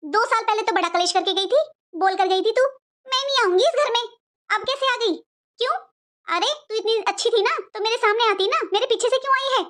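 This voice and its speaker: Woman playing a bossy, taunting sister-in-law, shrill and very high voice. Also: brisk, a bit bright. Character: sharp-tongued scheming sister-in-law. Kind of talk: family drama acting.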